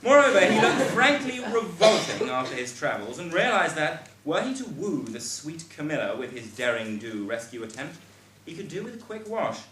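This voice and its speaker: Man as animated, pompous pantomime narrator. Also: a little high, normal speed. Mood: mock-grandiose. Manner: mock-grandiose storytelling with sarcastic asides. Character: pompous, sarcastic, grumbling male pantomime narrator. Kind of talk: scripted stage pantomime narration. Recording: echoey noisy hall recording.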